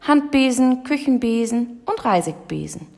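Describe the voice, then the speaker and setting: A woman reading a children's audiobook and voicing a friendly, eager-to-please male shopkeeper, with a gravelly edge. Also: a little high, animated, a little slow, darkish tone, in a large hall, voice pushed up. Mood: obliging. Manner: polite and eager.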